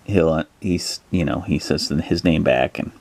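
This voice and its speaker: A man's voice: a bass voice, a little slow, a little mellow, dry recording. A man narrating a solo tabletop adventure, thinking aloud with plenty of hesitations as he rolls and decides. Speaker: solo tabletop game player.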